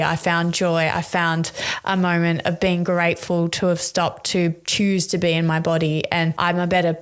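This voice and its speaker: A woman's voice: fairly low pitch, smooth. Earnest, heartfelt young woman guest. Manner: earnest and heartfelt, with many "like" fillers. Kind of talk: candid podcast conversation.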